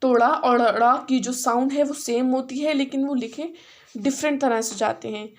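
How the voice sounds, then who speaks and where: A woman teacher with an Indian accent, mixing English and Hindi, spelling words out slowly syllable by syllable in a phonics lesson. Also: sits high, steady tone, a little mellow. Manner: slow, syllable-by-syllable spelling aloud.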